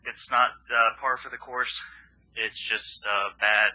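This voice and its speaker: A man with a very bright, forceful voice chats loosely on a podcast. He rambles, swears freely and lets his sentences trail off. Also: lowish voice, fairly even intonation, slow pace, low-quality recording. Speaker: podcast co-host. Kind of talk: casual chat.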